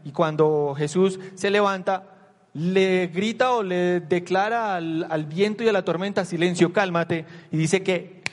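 A man preaching a conversational sermon to a congregation, animated and full of rhetorical questions. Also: sits high, measured pace. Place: church hall with a congregation. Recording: long hall reverb.

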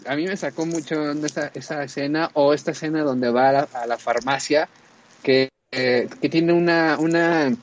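A man's voice: on the high side, fairly even intonation, normal speed, muffled recording, a little hiss or hum. A man reviewing a film in casual chat, rambling with many fillers and restarts.

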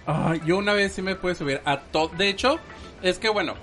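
A man's voice: high voice, normal speed, over music. A man joking and laughing in casual podcast chat. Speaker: podcast co-host.

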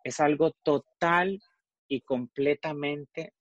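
A woman's voice: low voice, slow, dry recording, dull audio. A woman chatting on a talk show panel, telling stories animatedly and acting out both sides of conversations. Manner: animated storyteller, acts out both sides of phone calls. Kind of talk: casual chat.

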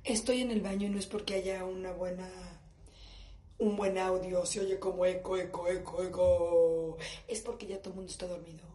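A woman's voice: fairly low pitch, little pitch movement, normal speed, mellow. Profane woman in an echoey bathroom. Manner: brash, profane storytelling. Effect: echoey bathroom acoustics. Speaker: live-stream host. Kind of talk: comedic monologue. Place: bathroom at home, indoors.

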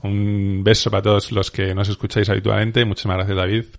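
A man's voice: fairly low pitch, little pitch movement, quick pace, creaky. A man with a Spain Spanish accent hosting a casual book podcast, rambling and correcting himself as he talks. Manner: rambling, self-correcting, informal. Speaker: podcast host.

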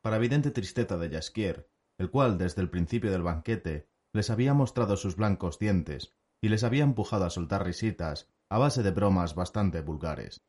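A man narrating an audiobook with an even, steady storytelling delivery. His voice sits very low. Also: moderate pace.

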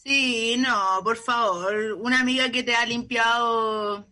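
A Chilean woman guest spins animated stories, swearing freely and acting out the voices of others as she laughs. Her voice is high and bright. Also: slow pace. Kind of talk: casual storytelling chat.

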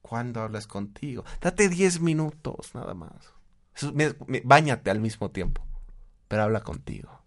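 Mexican man, advice-giver, lively delivery, acts out voices, quick laughs. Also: medium pitch. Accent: Mexican Spanish. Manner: animated, acts out quoted voices, laughs often. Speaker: guest speaker, therapist. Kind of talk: casual conversational advice.

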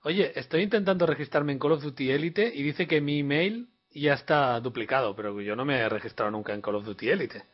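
Young man, joking co-host, medium pitch, dull lo-fi recording. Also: fairly quick, hardly any pauses. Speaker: podcast co-host. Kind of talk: casual chat. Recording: dull lo-fi audio.

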